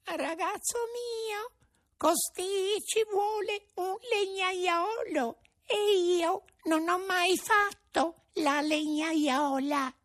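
A man voicing a placid, unhurried female snail in a storybook reading, with a very high, drawn-out voice. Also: fairly bright tone, no room sound, clean studio sound, exaggerated voice. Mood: placid, drawling. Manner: phlegmatic, patient, unhurried drawl.

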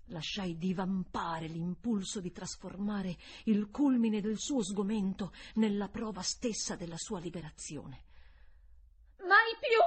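A woman narrating a literary audiobook with an expressive, measured delivery and a breathy voice. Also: mid-range voice. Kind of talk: dramatic literary reading.

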